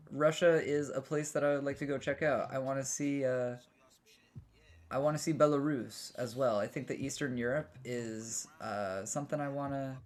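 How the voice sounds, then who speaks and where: A man's voice: mid-range voice, darkish tone. A young American man streaming a game, rambling casually and answering his chat with many restarts. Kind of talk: casual live-stream chat while gaming.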